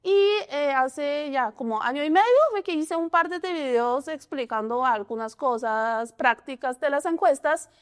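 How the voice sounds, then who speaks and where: Her voice sits high, and she talks a little slowly yet with hardly any pauses. She's a Chinese statistician in her forties responding to interview questions in a tentative way, frequently starting over and filling with "o sea."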